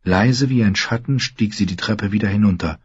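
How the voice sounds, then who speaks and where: Low husky male audiobook narrator. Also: normal speed, dry recording. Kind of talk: scripted narration. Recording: dull lo-fi recording.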